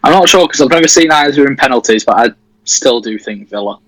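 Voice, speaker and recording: A man's voice: mid-range voice, lively intonation, fast talker, fairly bright tone, no room sound, rough recording. An eighteen-year-old man from Leeds, easygoing and jokey, co-hosting a casual football watchalong stream. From Leeds, England. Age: teens. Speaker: livestream co-host.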